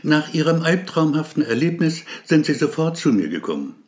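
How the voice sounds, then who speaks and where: A skeptical male psychiatrist in a spoken storybook, measured and probing with his patient, as a male reader plays him. The pitch moves freely through his questions. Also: very animated, a little mellow. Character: skeptical male psychiatrist, calm then pleading.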